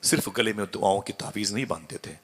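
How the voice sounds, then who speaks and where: A man preaching an emotional sermon, telling a story that rises to loud peaks and sinks to hushed tones. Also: on the low side, fast, breathy edge. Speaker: Islamic preacher.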